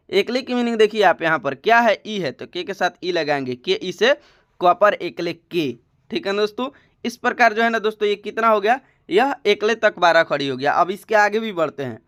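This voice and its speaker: A man explains a lesson slowly and patiently, repeating each point and checking in with his viewers. His voice sits high and sounds smooth and clear. The recording is dry and close to the mic. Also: fairly bright tone, dry recording. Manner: patient, repetitive, addresses viewers as friends. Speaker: teacher.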